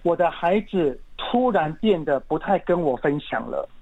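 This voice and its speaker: Earnest man explaining calmly, muffled audio. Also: on the high side, a little slow, vocal fry. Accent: Taiwanese Mandarin. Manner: calm, earnest explaining with everyday examples. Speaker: guest, parenting educator. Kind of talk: casual podcast interview. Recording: muffled lo-fi sound.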